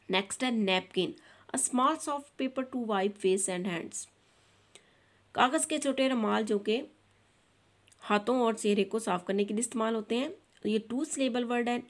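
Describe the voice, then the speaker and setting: An online tutor with a Pakistani accent and a medium-pitched voice works through a children's textbook lesson. She reads every English line slowly, then explains it in Urdu.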